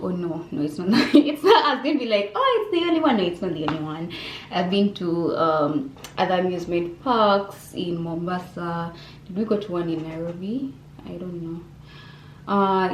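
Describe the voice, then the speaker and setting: A woman's voice: medium pitch, darkish tone. A young adult woman from Uganda, chatting expressively to viewers in a casual Q&A vlog from her bedroom. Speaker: vlogger. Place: bedroom indoors. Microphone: camera on desk facing her. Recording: roomy bedroom echo, faint hum.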